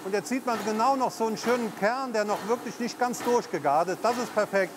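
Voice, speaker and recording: A man in his fifties from the Eifel who heads a lasagna factory, explaining the production line in a relaxed way with fillers. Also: sits high, fairly quick, background noise. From Eifel region, Germany. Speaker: factory head. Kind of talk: on-site interview. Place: large food factory floor. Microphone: lapel mic. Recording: music underneath.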